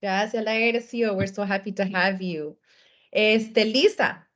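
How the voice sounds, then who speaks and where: A woman's voice: mid-range voice, a little slow, fairly bright tone. A woman hosting a video call, upbeat and casual, mixing in Spanish words as she calls on people. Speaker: host. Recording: dull video call audio.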